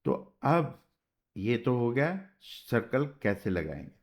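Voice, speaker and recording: Slow, patient man teaching a lesson. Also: medium pitch, very animated. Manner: slow, patient, spells out sounds and checks with "theek hai". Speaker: shorthand teacher. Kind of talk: classroom lesson.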